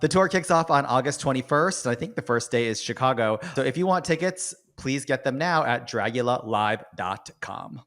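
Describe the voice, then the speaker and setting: A man's voice: mid-range voice, lively intonation, moderate pace, hardly any pauses, fairly bright tone. Campy man hosting a casual chat. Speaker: podcast host.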